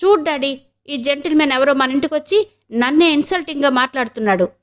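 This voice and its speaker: A woman voicing a sharp-tongued proud young woman. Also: high voice, fast talker, pitched above the performer's own voice, lightly acted. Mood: angry. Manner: scolding, curt.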